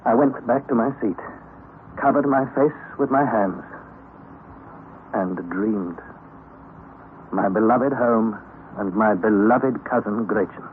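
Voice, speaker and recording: In a tinny, lo-fi old radio recording with faint hiss, a male actor with a fairly low voice speaks slowly with long pauses. He plays an anxious young nephew who narrates the drama earnestly in the first person.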